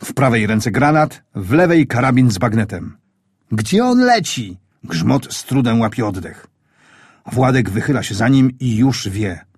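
Man reading a war story, kinda raspy, dead dry recording, serious and tense. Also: mid-range voice, lively intonation, no room sound. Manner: grave, measured, tense storytelling. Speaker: audiobook narrator. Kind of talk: scripted wartime story narration.

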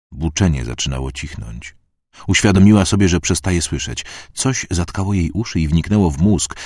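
Deep husky male audiobook narrator. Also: darkish tone, no echo, studio quality. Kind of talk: dark fantasy audiobook narration.

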